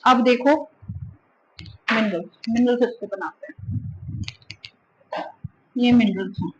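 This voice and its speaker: Woman teacher, high voice, scolds and teases, explains by everyday examples in a class lecture. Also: takes it slowly, dull audio, slight background noise.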